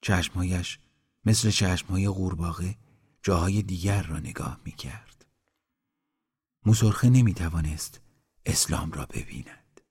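A man reading a story aloud in a calm, measured way, giving each villager a voice. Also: sits low, husky. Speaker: narrator.

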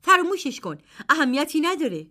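Man putting on a high, spirited young woman's voice, swoops around a lot, sharp and indignant. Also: very animated, full character voice. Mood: dismissive.

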